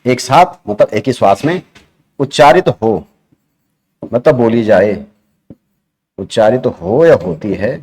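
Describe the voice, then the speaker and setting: A man's voice: mid-range voice, expressive, a little slow, long pauses, a little mellow. A man with an Uttarakhand accent teaching an exam-prep grammar lesson. He explains step by step, repeats key terms and asks the class questions while he writes on a board.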